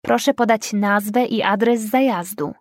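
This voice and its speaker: A woman reading a calm male dispatcher. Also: mid-range voice, measured pace, dry recording, clean studio sound, natural voice.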